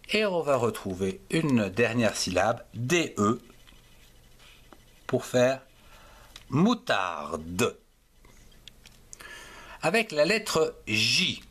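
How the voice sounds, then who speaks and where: A man's voice: mid-range voice, fairly bright tone. A man with a French accent teaching handwriting, spelling out words letter by letter and sounding out each syllable. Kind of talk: slow spelled-out handwriting lesson.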